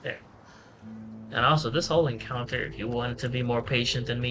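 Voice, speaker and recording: A man giving a relaxed, rambling, self-deprecating let's-play tutorial commentary. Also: medium pitch, low-quality recording. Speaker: gaming channel host. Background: game music.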